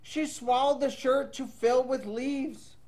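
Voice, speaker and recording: His voice is very high and a little mellow, with fairly even intonation and a slow pace. He reads a children's story aloud animatedly and playfully, breaking off for casual chats with young listeners.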